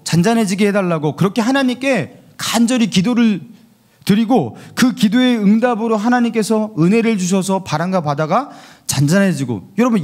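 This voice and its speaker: A man, the pastor, preaching a Sunday sermon and asking the congregation questions as he goes. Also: sits high.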